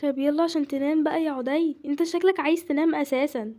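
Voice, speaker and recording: A woman with an Egyptian Arabic accent voicing a worn-out young mother who fusses loudly over her child. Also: high-pitched, fairly even intonation, racing, voice pushed up, lightly acted. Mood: fussing. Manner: loud, fussing, exasperated.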